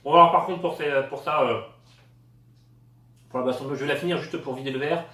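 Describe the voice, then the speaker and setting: Casual male reviewer from France, halting delivery full of fillers, somewhat high voice, echoey room, off-mic. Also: bright, forceful tone, distant mic. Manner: hesitant, many fillers. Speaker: product tester.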